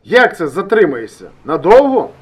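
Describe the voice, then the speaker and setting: Audiobook character: male reader doing a loud, pushy buddy shouting over a bad line, high and strained, husky. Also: wildly swooping pitch, fairly quick, full character voice. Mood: shouting confused. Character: agitated male friend shouting down a phone line.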